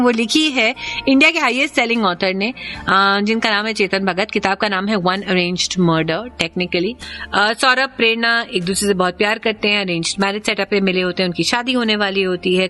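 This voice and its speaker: A woman's voice: mid-range voice, pushed and bright. A woman radio host with an Indian accent, giving an opinionated, chatty book review and switching freely between Hindi and English. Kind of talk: casual book review chat.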